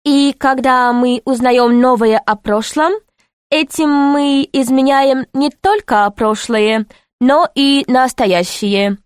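A woman reading the part of a serious grown man who guides visitors, speaking slowly and earnestly. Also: sits high, fairly even intonation, clean tone, no room sound, studio quality, voice pushed up. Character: serious adult man, a time-travel institute guide.

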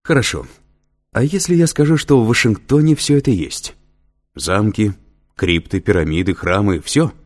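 A man's voice: lowish voice, moderate pace, darkish tone, pitched above the performer's own voice, natural voice. A man reading an audiobook, voicing a patient male professor who explains and lectures with dry humor. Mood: lecturing. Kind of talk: audiobook character voice.

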